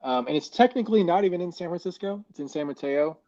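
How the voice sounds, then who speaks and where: A man's voice: high voice, animated, fast, warm tone. Muffled, underwater-sounding American man chatting. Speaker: podcast guest. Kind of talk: casual chat.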